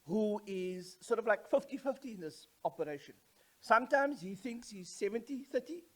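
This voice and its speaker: A man's voice: high-pitched, expressive, moderate pace. A man with a Cape Town accent co-hosting a casual vodcast chat, joking and switching between English and Afrikaans. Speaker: co-host.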